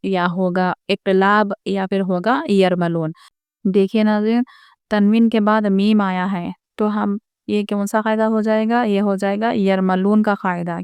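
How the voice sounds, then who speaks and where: A woman's voice: medium pitch, a little mellow, clear, resonant tone, no room sound, studio quality. A woman teaching Quran reading rules step by step, patiently explaining each rule and asking her viewers rhetorical questions. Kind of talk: step-by-step recitation lesson.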